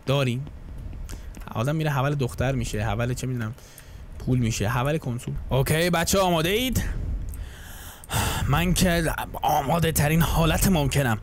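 A young man giving casual, jokey commentary as he plays a game, talking to his viewers with sudden excited exclamations. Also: a little high, long pauses, a little hiss or hum. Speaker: gaming streamer.

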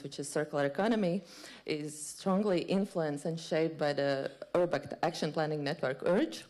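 Female panelist from Latvia, 30s, low and gravelly, handheld mic, polite and halting. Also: darkish tone. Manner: polite, measured, with hesitations. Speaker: panelist, circular economy expert. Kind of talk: panel remarks. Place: conference stage.

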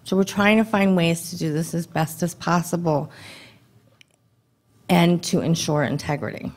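Brisk woman presenting at a podium. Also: on the low side, steady tone. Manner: brisk, conversational, rhetorical questions to the audience. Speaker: government contracting presenter. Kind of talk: conference presentation. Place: dim conference hall. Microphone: podium microphone.

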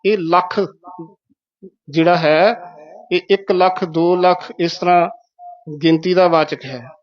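A man teaching the correct recitation of scripture, slowly repeating words syllable by syllable. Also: sits high, steady tone, lo-fi sound. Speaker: Gurbani pronunciation teacher.

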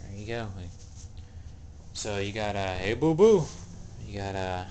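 A man's voice: on the low side, expressive, unhurried, warm tone, a little hiss or hum. A young man in a small room at home, rambling and hesitant through a casual show-and-tell of his collection, with plenty of ums. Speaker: collector selling items.

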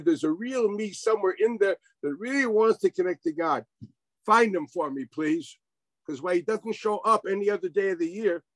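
Man, rabbi, high-pitched voice, dry close sound, sarcastic rhetorical questions, video call lecture. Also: no echo, poor audio. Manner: sprinkles Hebrew and Yiddish terms. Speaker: rabbi teaching a class. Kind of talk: informal Torah lecture.

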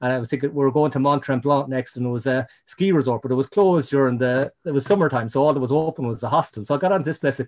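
A man's voice: mid-range voice, quick pace, few pauses, darkish tone. An Irish man, middle-aged, telling his story in a casual interview, rambling with many restarts and "you know". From Ireland. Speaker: guest, ecologist.

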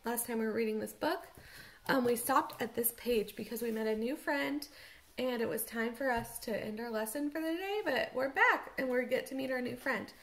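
A woman's voice: a little high, normal speed. A woman music teacher reading a picture book aloud outdoors at home and leading children in call-and-response vocal sounds. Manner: animated, sing-song call-and-response vocalizing.

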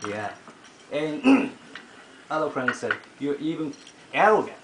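A middle-aged Japanese man with a Japanese accent shares a personal testimony with a small group in a living room during a home gathering. His voice sits on the high side with a sing-song lilt, and he speaks haltingly, often pausing, clearing his throat and using fillers. A camera across the room picks him up in an echoey space with background noise.

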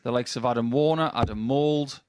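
A man's voice: medium pitch, normal speed, a little mellow, slight background noise. A man giving live darts commentary as a sports commentator.

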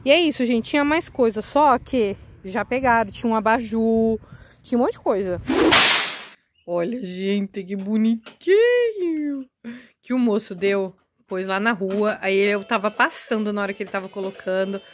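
A woman's voice: medium pitch, normal speed, a little hiss or hum, low-quality recording. A woman, chatting eagerly to her viewers while she shows things outdoors on a street. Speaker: vlogger. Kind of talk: casual vlog walkthrough.

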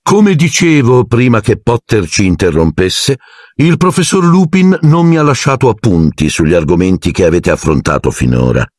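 Guy reading a cold sneery teacher, icy calm, lively swings. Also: on the low side, moderate pace, no echo, clean studio sound, pitched above the performer's own voice. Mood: icy contempt. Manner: icy, menacing, silky calm.

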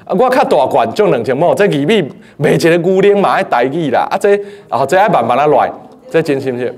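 A man teaching a class, lively and playful, often quizzing his students. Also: fairly high pitch, brisk. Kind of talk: lecture to a class.

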